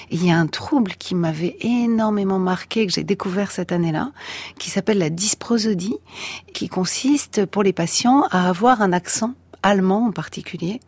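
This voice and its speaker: A woman's voice: mid-range voice, a little mellow, no echo. A woman guest, a neuropsychologist, explaining with enthusiasm in a radio interview. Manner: enthusiastic, explanatory, some restarts.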